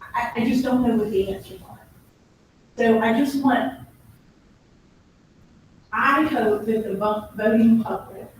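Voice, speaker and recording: Emotional board member, distant and echoey. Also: female voice, on the high side, unhurried, pauses often, slight background noise. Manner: emotional, searching, conflicted. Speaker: elected school board member and parent. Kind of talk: heartfelt statement at a public meeting. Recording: echoey room from a distant mic.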